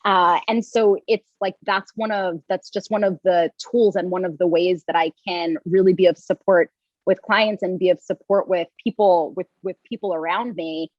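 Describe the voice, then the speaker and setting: A woman's voice: lowish voice, steady tone, moderate pace, a little mellow, no room sound, muffled recording. A young woman talking as a podcast guest, rambling with many restarts and fillers. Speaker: podcast guest, yoga teacher and coach. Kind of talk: casual interview chat.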